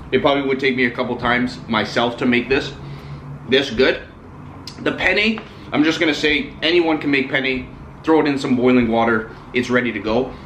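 A man's voice: medium pitch, fairly bright tone. Young guy reviewing food on his vlog, chatty, keeps saying guys, roomy echo, faint room hum. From Italian. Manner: chatty, addresses viewers as guys often. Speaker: food vlogger. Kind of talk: casual food review to camera. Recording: echoey room.

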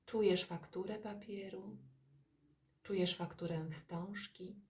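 A woman leading a guided body-scan meditation in soft, calm, drawn-out phrases with long pauses. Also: mid-range voice.

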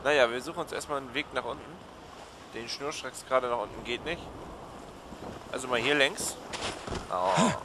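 A man's voice: mid-range voice, normal speed, long pauses, background noise. A man giving casual gameplay commentary. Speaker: gaming video maker. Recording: game sound clearly behind voice. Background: video game ambience and dialogue.

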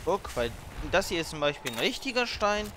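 A man's voice: high voice, very animated, moderate pace, noisy background. A man giving casual let's play commentary, thinking aloud in an informal, grumbling way. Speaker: let's player, streamer. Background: game music and sound effects.

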